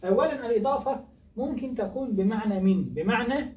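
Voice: medium pitch, expressive, fast talker. A teacher giving a grammar lesson who keeps asking questions and answering them, repeating key words. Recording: echoey distant dull recording, faint noise.

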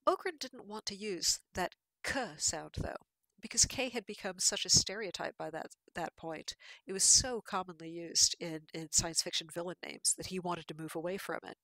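A woman's voice: fairly low pitch, normal speed, pushed and bright, no room sound. A woman giving a patient, explanatory lecture with slides, with fillers and restarts.

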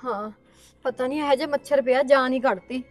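A woman's voice: high-pitched, steady tone, brisk, soft background music, natural voice. A young woman in a short film playing a worried, earnest college student. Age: young adult.

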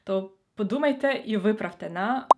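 Lady tutor talking straight to students, friendly and direct, mid-pitched. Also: animated, moderate pace, noisy background. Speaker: Ukrainian language tutor. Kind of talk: online exam-prep lesson.

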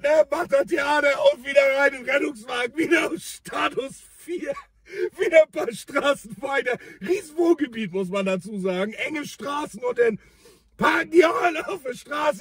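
A man's voice: extremely high pitch, normal speed, no room sound, studio quality, distant mic. A man, a paramedic, animatedly telling a story about a call-out and acting out the dialogue. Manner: animated, exasperated, acts out the dialogue. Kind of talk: storytelling vlog.

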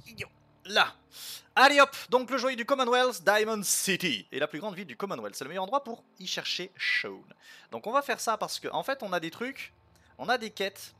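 A man's voice: on the high side, sharp tone. A man streaming a video game, chatting casually and thinking aloud with lots of fillers and playful jokey asides. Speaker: let's play streamer. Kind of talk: casual gameplay commentary.

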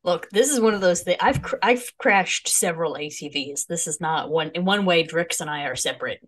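Fast-talking, joking woman player. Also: on the low side. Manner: quick, animated, joking. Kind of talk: casual chat during a tabletop game.

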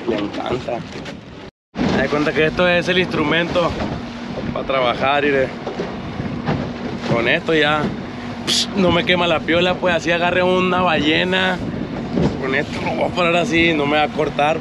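A man in his thirties from Mexico with a Sinaloa accent, a local fisherman explaining his craft in a folksy, excitable way while working on a small boat at sea. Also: a little high. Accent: Sinaloa Mexican Spanish. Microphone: action camera on the boat. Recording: loud wind and boat noise.

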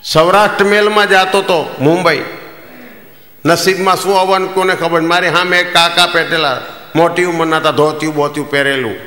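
A male stand-up comedian with a bright, forceful voice and a Kathiawadi Gujarati accent. He tells folksy stories and acts out the dialogue as he goes. The recording has a roomy, long hall reverb from a live stage. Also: fairly high pitch. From Jamnagar, Gujarat. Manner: folksy storytelling, acting out dialogue. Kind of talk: stand-up joke telling.

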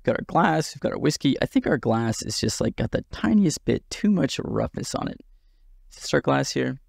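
Man, gravelly fry, casual self-deprecating tutorial instructor, close dry mic. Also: medium pitch, sing-song, normal speed, no room sound. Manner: chatty, self-deprecating, thinks aloud. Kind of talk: casual screen-recorded tutorial.

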